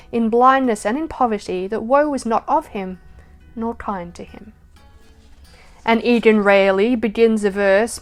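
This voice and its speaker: A woman reading poems aloud slowly and softly, her voice trailing off at the ends of lines. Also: fairly high pitch. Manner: slow, soft reading that trails off at line ends. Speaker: poetry reader. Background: soft acoustic guitar music.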